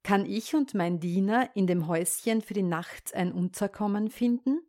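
A woman's voice: mid-range voice, normal speed, mellow, close to an everyday voice. A woman reading a fairy tale voices a courteous young prince asking politely for shelter. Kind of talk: storybook reading.

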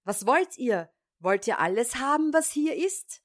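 A woman's voice: fairly high pitch, lively intonation, measured pace, voice pushed up. A woman voicing a tiny, cheeky thumb-sized boy in a storybook reading, pert and teasing. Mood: shouting. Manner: pert, teasing, loud shouting.

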